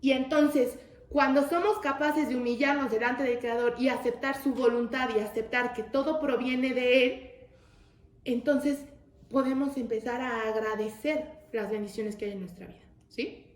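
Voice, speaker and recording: High-voiced woman teaching in an echoey room. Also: fairly even intonation, normal speed. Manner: addresses listeners as brothers, asks frequent rhetorical questions. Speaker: teacher of a religious study group. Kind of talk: conversational religious lesson.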